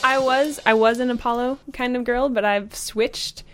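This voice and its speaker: A woman's voice: fairly high pitch, fairly even intonation, moderate pace, fairly bright tone, faint music behind. Giggly woman podcast guest. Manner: giggly, playful banter. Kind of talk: casual comedy chat.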